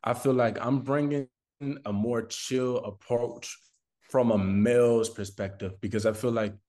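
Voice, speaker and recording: A medium-pitched man's voice with a dark, steady tone and a somewhat slow delivery. In a casual interview, this American recording artist from Florida speaks in slang and repeats phrases for emphasis.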